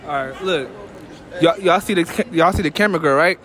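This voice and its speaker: A man's voice: on the high side, a little fast, fairly bright tone. A man from running a playful public interview in a mall, teasing and laughing with people. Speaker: street interviewer. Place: busy mall. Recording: crowd and music behind.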